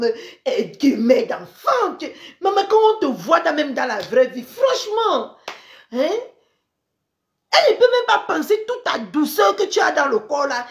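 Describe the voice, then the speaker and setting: A woman ranting on a live social media stream, upset and angry, repeating herself and swinging between loud outbursts and low mutters. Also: creaky. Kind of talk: indignant Facebook live rant.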